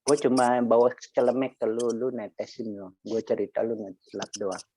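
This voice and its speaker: Gravelly man telling a lively story. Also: mid-range voice, normal speed, no room sound. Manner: animated storytelling in slangy street talk, acting out both sides of a conversation. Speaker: insurance agent sharing experience. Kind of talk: motivational sharing session.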